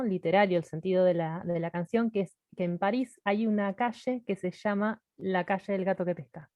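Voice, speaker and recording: A woman's voice: mid-range voice, a little mellow, dry recording, studio quality. A woman co-presenting an online teaching talk over a video call, passing on comments from the audience in a conversational way. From Argentina.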